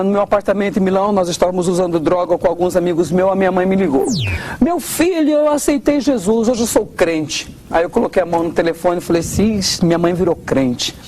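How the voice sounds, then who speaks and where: A man's voice: fairly high pitch, a little hiss or hum. A man with a Brazilian Portuguese accent giving an earnest testimony in an interview, acting out the voices of the people he quotes. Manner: earnest, expressive, quotes others in changing tones. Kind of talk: emotional testimony.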